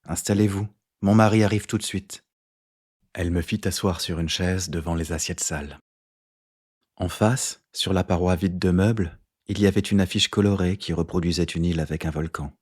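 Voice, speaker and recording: A man narrating a first-person literary audiobook in a measured, even delivery. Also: sits low, breathy edge.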